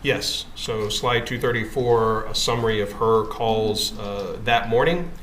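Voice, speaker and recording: A man giving formal, matter-of-fact testimony as a witness, walking through records slide by slide in a measured way. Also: fairly low pitch, fairly bright tone. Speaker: witness presenting records in court. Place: courtroom. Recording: echoey room with background noise.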